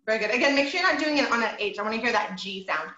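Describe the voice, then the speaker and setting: Woman voice coach, bright tone, kinda high, encouraging, roomy dull-ish audio. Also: lively intonation, rapid-fire, faint music behind. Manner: encouraging, patient, frequent ums. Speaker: voice teacher. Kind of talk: group singing lesson with sung demonstrations.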